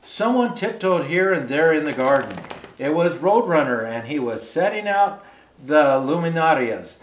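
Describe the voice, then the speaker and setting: Dressed as Santa Claus, an older man reads a children's picture book aloud, expressive and unhurried. His voice is a little high for a man and slow, and the indoor room gives it noticeable echo.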